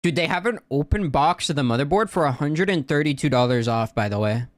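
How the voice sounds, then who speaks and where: A man's voice: fairly high pitch, lively intonation, fairly quick, dry recording. Frat-bro guy chatting on a livestream, dry sound. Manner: frat-bro talk, slangy, profane, egging on. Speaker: livestream host. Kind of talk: casual livestream chat.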